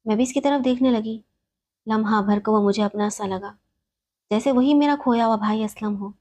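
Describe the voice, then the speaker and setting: A woman telling an emotional story in the first person, reading in a steady, sorrowful way. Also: fairly high pitch.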